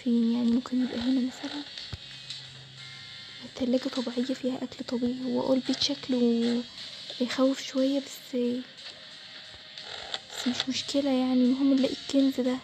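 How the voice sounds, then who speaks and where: Bold young Egyptian boy, a woman voicing, high, fast and sure of himself, cartoon story. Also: level tone, over music. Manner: confident, reassuring, hushed at times. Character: bold young boy Adam, daring treasure hunter.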